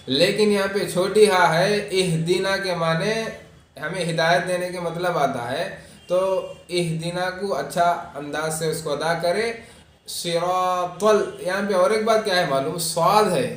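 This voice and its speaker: A male religious teacher, explaining pronunciation in a Quran recitation lesson and reciting verses slowly and drawn out. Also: high voice. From India. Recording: echoey room, distant mic.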